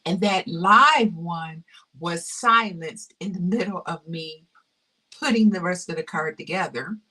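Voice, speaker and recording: Heartfelt woman crafting streamer, breathy, repeats herself, sometimes whispers, recorded from a distance. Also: on the low side, measured pace, bright, forceful tone. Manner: effusive and heartfelt, repeats phrases, drops to a whisper at times. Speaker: crafting livestream host. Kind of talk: casual live-stream chat.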